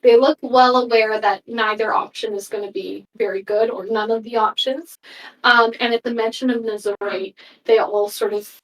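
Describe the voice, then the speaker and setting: A woman runs a tabletop game as game master and narrates in a relaxed way, with fillers. Her voice is slightly high. She sounds set back from the mic. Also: moderate pace, distant mic, poor audio.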